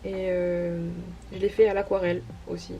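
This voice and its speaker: There's a little hiss or hum as a young woman with a fairly low, mellow voice talks through her sketchbook in a casual vlog. Her delivery is flat and normal in speed, hesitant and filler-heavy, with self-deprecating laughs.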